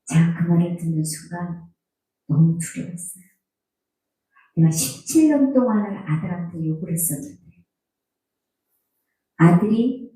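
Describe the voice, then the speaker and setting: Middle-aged woman's animated church testimony. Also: lowish voice, very echoey, poor audio. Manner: animated storytelling, acting out quarrels. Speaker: church member giving testimony. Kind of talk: personal testimony.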